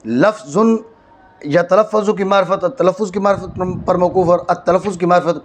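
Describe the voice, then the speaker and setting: A man's voice: sits high, fairly even intonation. Guy teaching grammar, short phrases, keeps asking did you get it, bit of hiss. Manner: dictates phrase by phrase, quizzes the student. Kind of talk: classroom lesson.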